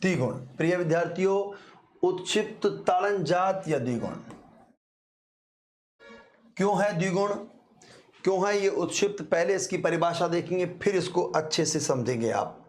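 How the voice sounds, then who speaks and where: Man teaching grammar slowly, fairly high voice. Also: expressive. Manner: addresses students repeatedly, slow deliberate explanation with repetitions; sounds out syllables to demonstrate pronunciation. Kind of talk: exam-prep grammar lesson.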